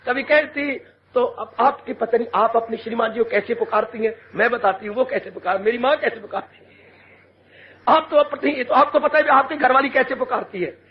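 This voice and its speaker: A man from India, a swami preaching a devotional sermon, telling stories with dramatic emotion, breaking into shouts and sung verses. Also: extremely high pitch, moderate pace. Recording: dull lo-fi 1980s tape recording.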